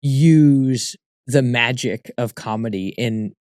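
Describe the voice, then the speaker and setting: A man talking casually as an interview guest, a comedian telling stories in an animated way with emphatic repeats. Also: medium pitch, takes it slowly, smooth, dry recording, clean studio sound.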